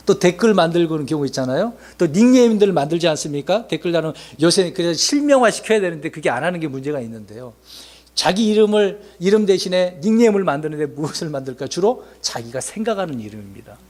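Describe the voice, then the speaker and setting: A man's voice: on the high side, a little mellow. A man pastor preaching a sermon, asking rhetorical questions and acting out people's excuses.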